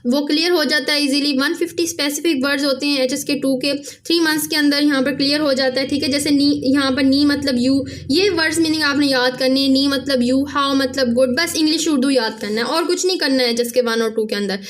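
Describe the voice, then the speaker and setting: A woman teaching a casual language lesson, often checking in with "theek hai" and slowing down to spell out sounds. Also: high-pitched, fairly even intonation. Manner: repeats "theek hai" after each point, spells out sounds slowly.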